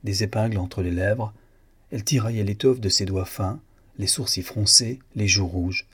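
A man reading a novel aloud as audiobook narrator, in a measured, even storytelling manner. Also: on the low side, slightly rough.

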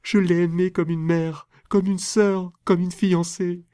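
A man's voice: high-pitched, steady tone, unhurried, darkish tone, no echo, clean studio sound, voice pushed up. A man reading aloud voices a proud, passionate young woman in a storybook, with an impassioned, theatrical delivery. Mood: furious.

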